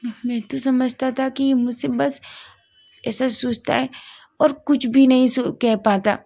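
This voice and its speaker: In this storybook reading, a woman gives voice to a hurt young man who stammers and stalls over his words. His voice sits a little higher than the narrator's, and it falters and breaks off as he speaks. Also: steady tone, creaky, dark tone, full character voice. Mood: stunned. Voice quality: stammering, halting.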